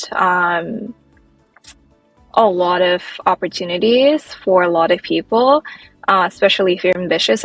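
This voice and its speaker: Founder guest from Nepal, 30s, woman, low husky voice, dry sound. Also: no echo, poor audio. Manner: chatty, leans heavily on "like". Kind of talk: casual interview. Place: New York City.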